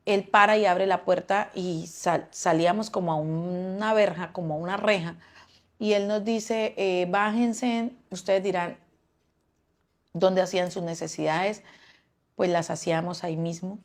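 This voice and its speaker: Woman, personal testimony, halting delivery, repeats words. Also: lowish voice, fairly even intonation.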